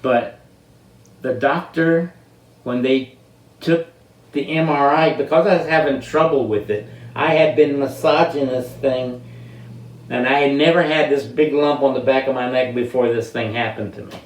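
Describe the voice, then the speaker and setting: An American man in his eighties, medium-pitched, recounts his life stories unscripted as an interviewee, speaking haltingly and deliberately with long pauses and drawn-out words. The microphone sits at a distance, giving a roomy sound.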